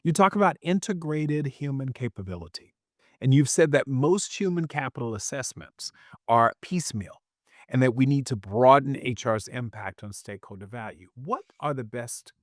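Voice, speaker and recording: Male podcast host, mid pitch, measured and affirming, dry close mic. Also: expressive, no echo. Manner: warm affirming interjections, measured questions. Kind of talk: conversational interview.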